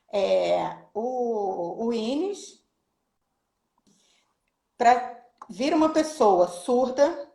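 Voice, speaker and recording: A woman from Rio de Janeiro with a Brazilian accent, a human rights official chatting casually as a guest and vividly acting out stories. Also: medium pitch. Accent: Brazilian Portuguese, Rio de Janeiro. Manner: animated storyteller, acts out quoted voices. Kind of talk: casual chat, storytelling. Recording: roomy echo.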